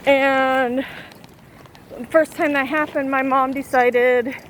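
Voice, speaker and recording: A woman chatting casually and haltingly to her vlog viewers, outdoors in strong wind. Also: high voice, flat delivery, low-quality recording. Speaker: vlogger. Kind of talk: casual rambling vlog chat. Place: outdoors in windy weather. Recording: loud wind noise, outdoors.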